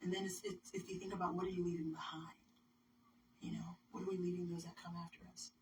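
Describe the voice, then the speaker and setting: An earnest woman musician reflecting in a radio interview, her phrases often fading to a near whisper. Her voice sits slightly low. The mic is distant and background noise is clear. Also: flat delivery, quick pace. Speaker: musician guest. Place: radio studio.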